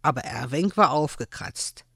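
A man reading a story aloud as its narrator, with measured, expressive delivery. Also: a little high, slightly rough, dry recording, studio quality. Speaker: audiobook narrator. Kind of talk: scripted narration.

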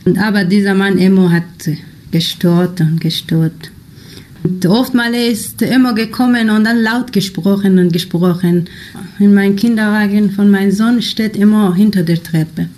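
A young woman from Afghanistan recounts her experiences for an interview. Her German is halting and hesitant, full of pauses and fillers, the speech of a non-native speaker. Her voice sits at an ordinary pitch. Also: a little mellow. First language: not German. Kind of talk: personal storytelling in an interview.

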